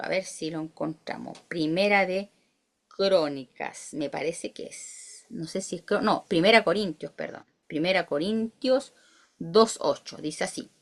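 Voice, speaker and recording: A Chilean woman teaches a church Bible study in a lively, swooping voice. Her pitch sits in a middle range. She reads verses aloud and keeps asking her listeners questions.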